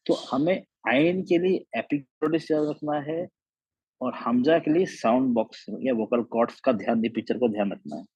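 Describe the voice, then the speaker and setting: Guy teaching quran tajweed, keeps asking okay?, husky low-toned voice, kinda dull dry recording. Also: a little mellow, no echo. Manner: checks in often with "okay?" and "theek hai?"; sounds out letters and vowels slowly to demonstrate. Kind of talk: classroom explanation with drawn diagrams.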